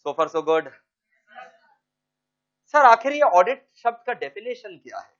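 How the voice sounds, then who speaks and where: Male lecturer, lively and questioning, drops into English often; high voice, muffled lo-fi sound. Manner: animated, quizzes students with rapid questions; mixes English phrases into speech. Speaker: teacher. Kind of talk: classroom lecture. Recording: dull lo-fi recording.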